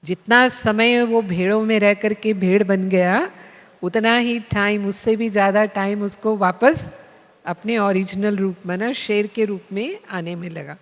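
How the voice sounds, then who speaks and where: A woman spiritual teacher telling a story in a class, in an unhurried storytelling manner. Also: medium pitch, fairly even intonation. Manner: unhurried storytelling, voices the animals. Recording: long hall reverb.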